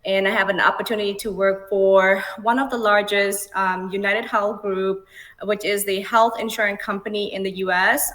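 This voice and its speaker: A woman's voice: medium pitch, fairly bright tone. A middle-aged woman born in Cambodia, a guest speaker chatting casually over a video call, with many fillers and easy laughs. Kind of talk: casual online talk.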